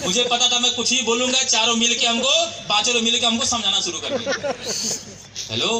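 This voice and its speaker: Man, motivational speaker, very high voice, storytelling to a crowd, echoey hall. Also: fast talker, very noisy. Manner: animated storyteller, keeps addressing the crowd as friends and quizzing them. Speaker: motivational speaker at a company anniversary event. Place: large event hall.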